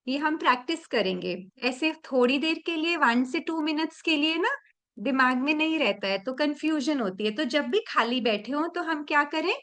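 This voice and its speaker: A woman's voice: high voice, a bit bright. A woman teaching an online children's class over a video call, counting aloud and encouraging the kids, mixing in English words. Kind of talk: online kids' activity class.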